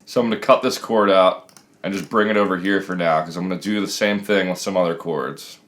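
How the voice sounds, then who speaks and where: A man's voice: low-pitched, fairly even intonation, a little fast. A man in his thirties talking casually and explaining step by step as a music production tutor, recorded in a small home room.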